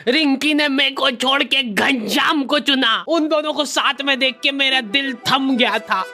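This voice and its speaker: A man's voice: very high-pitched, unhurried, bright, forceful tone, faint music behind, full character voice. A man doing bragging senior Monu bhaiya. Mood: lecturing. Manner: bragging, lecturing, stingy. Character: boastful male college senior, self-styled love guru. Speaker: senior student.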